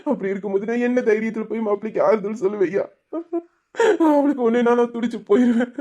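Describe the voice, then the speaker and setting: A mellow, dark-toned man's voice, full of sorrow and emotional pleading, as a worried brother, played by an actor. He speaks with steady, heavy feeling. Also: sits high, fast, close to an everyday voice. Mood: grieving. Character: grieving older brother, husband's in-law.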